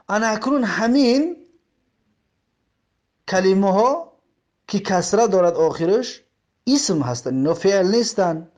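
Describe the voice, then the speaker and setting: A man's voice: high voice, a little mellow. A man with a Tajik accent teaches an Arabic grammar lesson, explaining step by step, repeating terms and giving examples. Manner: reads the Arabic text slowly, word by word.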